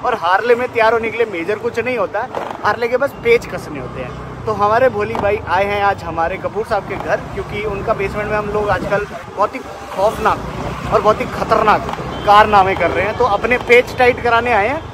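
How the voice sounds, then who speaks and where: A man's voice: high voice, a little fast. A man in his thirties, a motorcycle vlogger, chatting casually and teasing his friends, filmed on an action camera held at arm's length. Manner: teasing, jokey banter. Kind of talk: casual vlog chat. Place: city street outdoors, then parking basement. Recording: street noise behind.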